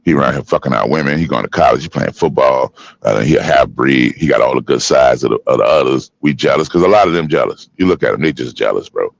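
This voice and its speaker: Man, fifties, very deep voice, dry recording, heated street-slang panel talk. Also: expressive, quick pace, vocal fry, no echo. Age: 50s. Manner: forceful, preachy, street slang.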